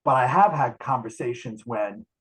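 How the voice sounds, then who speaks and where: A man in conversation over a video call, speaking as a nurse educator at a middle pitch. He tells his stories loosely, often restarting his sentences and slipping into quoted dialogue. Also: moderate pace, fairly bright tone, low-quality recording.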